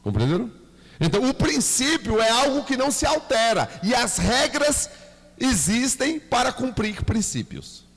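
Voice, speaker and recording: Man, bahian portuguese accent, church teacher, animated delivery, long church-hall reverb. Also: very high voice, unhurried, breathy edge. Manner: lively, asks the class questions, acts out scenes with his son. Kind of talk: Bible class lesson.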